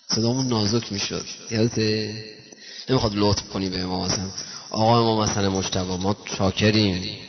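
A man's voice: medium pitch, creaky. A man delivering a religious sermon, emotive, pressing the listeners with rhetorical questions. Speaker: preacher. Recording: muffled, reverberant hall.

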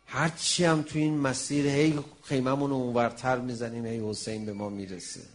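A man preaching a sermon at a night gathering, telling stories with passion and swinging from loud declarations to hushed lines. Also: mid-range voice, steady tone. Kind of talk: religious sermon with storytelling.

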